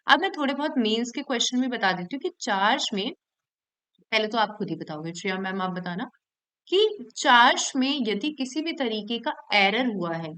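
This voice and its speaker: Woman, law teacher, fairly high voice, repeats points, quizzes students. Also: a bit bright, clear, resonant tone, rough recording. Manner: explains by repeating herself and asking the class questions; reads statute text aloud slowly. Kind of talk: classroom lecture.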